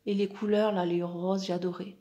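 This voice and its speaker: Casting: chatty woman vlogger, casual show-and-tell, lots of fillers, mid-pitched. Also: little pitch movement, a little fast, dark tone, muffled recording. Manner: chatty, many fillers and restarts. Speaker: crafting vlogger.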